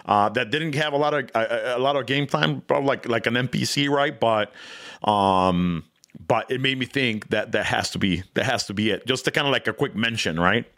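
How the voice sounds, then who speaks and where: A man's voice: mid-range voice, moderate pace, fairly bright tone. Rambling male podcast co-host. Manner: rambling, many fillers and restarts. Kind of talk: casual review chat.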